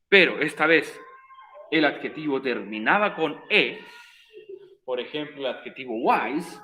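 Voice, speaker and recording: A man's voice: a little high, pushed and bright. A man teaching an English class, patiently repeating the rules step by step. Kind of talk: recorded virtual class explanation.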